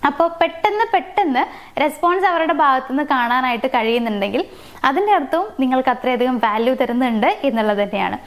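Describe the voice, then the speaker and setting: A woman's voice: sits high, expressive, fast. A woman talking casually to her viewers, explaining relationship signs point by point, with fillers and restarts along the way. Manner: explains in numbered points with fillers and self-corrections. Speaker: relationship advice host. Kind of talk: casual advice talk to camera.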